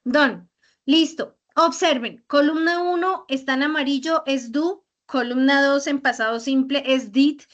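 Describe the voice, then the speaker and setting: High-voiced woman teaching English grammar. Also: fairly bright tone. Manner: patient, explains slowly with repeated examples. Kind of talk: online grammar lesson. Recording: slightly dull lo-fi audio.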